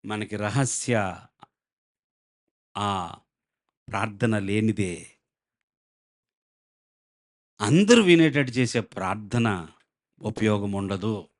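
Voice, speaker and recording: A male pastor with a Telugu accent preaches a sermon dramatically, asking the congregation questions and acting out the voices of people in his story. His voice is on the low side with lively intonation, and he takes it slowly with long pauses.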